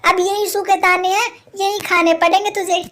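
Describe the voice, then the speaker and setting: A woman's voice: extremely high pitch, flat delivery, normal speed, heavy background noise. A woman doing a scheming wife crow. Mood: scolding. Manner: harsh, scolding, scheming. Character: scheming young wife crow, sharp-tongued and cruel. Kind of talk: cartoon voice acting.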